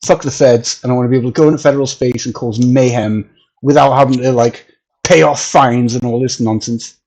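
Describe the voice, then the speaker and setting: A man chatting casually about a space game on a podcast, animated and swearing, often laughing. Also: mid-range voice, fairly quick, slight background noise, low-quality recording. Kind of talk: casual gaming chat.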